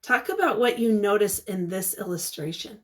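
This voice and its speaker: In a mid-range voice, a woman reads a picture book aloud, teacher-fashion. She pauses to pose questions to her young listeners, sounding expressive and encouraging throughout.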